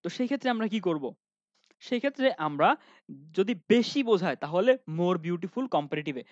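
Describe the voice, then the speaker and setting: A man's voice: sits high, expressive, moderate pace, no echo, muffled recording. A man teaching an online grammar lesson, often asking questions and answering them himself, with many fillers.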